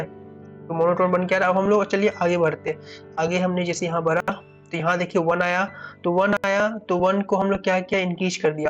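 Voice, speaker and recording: A man's voice: sits high, highs cut off. A man teaching a coding problem step by step, thinking aloud, often repeating "ठीक है" and restarting phrases. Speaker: coding tutor.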